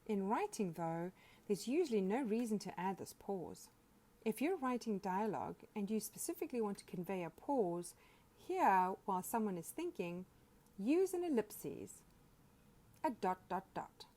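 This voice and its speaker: Woman, scripted grammar lesson narration, animated pitch, reads punctuation marks aloud. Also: unhurried. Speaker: grammar instructor.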